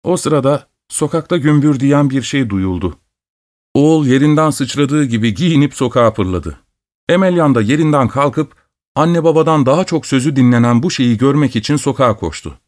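A man narrating a folk tale in a steady, measured reading voice. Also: medium pitch.

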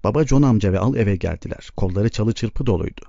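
A man narrating a novel as an audiobook in a calm, measured way. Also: fairly low pitch, gravelly, no room sound. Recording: dull lo-fi dry recording.

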